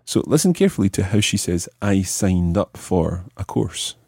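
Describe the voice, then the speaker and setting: Speaking in a sing-song way, a man whose voice is low, clear and mellow works deliberately through a language lesson, alternating explanations with French examples. The recording is dry and close, without any echo.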